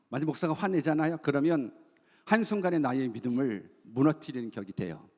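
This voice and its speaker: Speaking in a mid-range, darkish voice, a man preaches a sermon to his congregation. He poses rhetorical questions and leads call-and-response repetition. The recording carries the long reverb of a church hall, as he's in the sanctuary.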